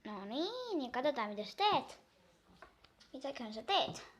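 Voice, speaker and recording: A young girl chatting casually while unboxing a toy, gushing and excitable, counting down aloud. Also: sits high.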